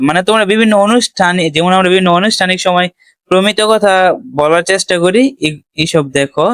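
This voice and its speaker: Guy tutoring kids thru exam answers, kinda high voice, dry close mic. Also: a bit bright, clear, resonant tone, dry recording. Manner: talks students through answers, asks and answers his own questions. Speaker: teacher. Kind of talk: exam-prep lesson for schoolchildren.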